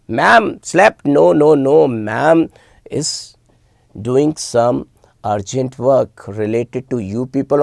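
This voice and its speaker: With a medium-pitched, slightly mellow voice marked by vocal fry, this Indian-accented online teacher holds an informal live-stream chat with students. He stresses points by repeating words and phrases. The recording is dry and sounds like a clean studio.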